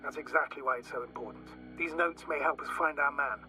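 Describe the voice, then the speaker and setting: A steady male mission operator in a video game, voiced by a man, guiding a teammate from afar. He speaks in a measured, instructive way and reasons aloud. A game score plays clearly behind him. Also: on the high side, lightly acted, rough recording. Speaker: remote mission operator on the radio. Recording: game audio with music under.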